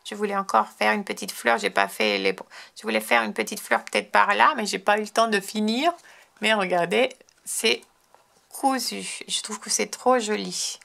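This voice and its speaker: French woman, crafting host, very gravelly and bright-toned, chatty and enthusiastic. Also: medium pitch, fairly even intonation, normal speed. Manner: chatty, enthusiastic, frequent restarts and fillers. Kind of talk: casual show-and-tell tutorial.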